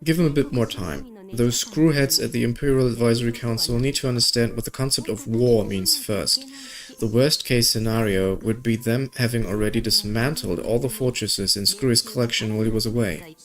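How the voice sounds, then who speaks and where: A gaming video creator reads story dialogue from a video game aloud and mixes in casual commentary, stumbling over words now and then. He has a mid-range voice and speaks a little fast, with music behind him.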